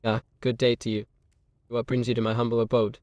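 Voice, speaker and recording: A man's voice: medium pitch, little pitch movement, fairly quick, darkish tone, dry recording, muffled recording, natural voice. A man voicing a polite, nosy collector of oddities as a game character, speaking formally and asking many questions. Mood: courteous.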